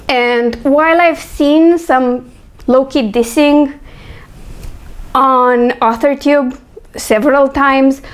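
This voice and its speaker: A woman from Romania, talking through her thoughts in a casual, chatty vlog with frequent fillers. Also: a little high. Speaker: author and vlogger.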